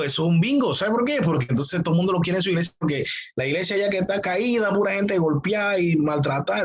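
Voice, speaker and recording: A pastor teaching a church theology class, emphatic and full of rhetorical questions. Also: male voice, fairly high pitch, slightly rough, low-quality recording. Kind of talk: teaching sermon.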